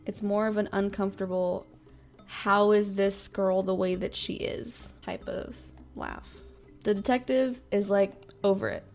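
A woman's voice: medium pitch, gravelly, warm tone. A young woman hosting a podcast, telling a true-crime story in a chatty way, full of "like" and laughing in disbelief. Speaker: podcast host.

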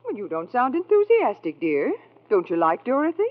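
A woman's voice: on the high side, wildly swooping pitch, normal speed. An actress playing a nice, fussing mother coaxing her son in a 1940s radio advertisement. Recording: dull old radio recording.

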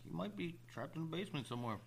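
A man with a Boston accent, a podcast co-host trading casual comic banter with deadpan jokes. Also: fairly high pitch, racing, creaky, a little hiss or hum.

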